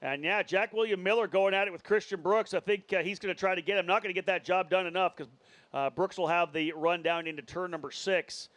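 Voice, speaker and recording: A man's voice: high-pitched, fairly even intonation, brisk, a bit bright, no room sound. A man working as a motorsport commentator, giving live play-by-play and running through drivers and positions.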